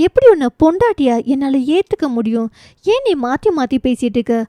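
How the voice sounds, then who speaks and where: A woman's voice: sits high, sing-song, fairly quick, dark tone, dry recording. Flustered young man, read by a woman, dry close sound, exasperated pleading. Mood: alarmed. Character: young man, anxious, flustered husband-friend.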